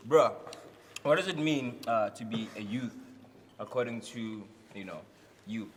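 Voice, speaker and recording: A man with a mid-pitched voice hosts in a slangy, hyping way, often repeating his phrases. He is recorded in a ringing room with faint noise. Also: a little slow, big-room sound. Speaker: host. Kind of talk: casual, slangy game-show hosting.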